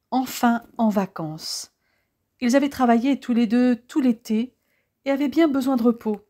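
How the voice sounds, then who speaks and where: Mellow woman reading an audiobook. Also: a little high. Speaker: audiobook reader. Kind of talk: audiobook narration.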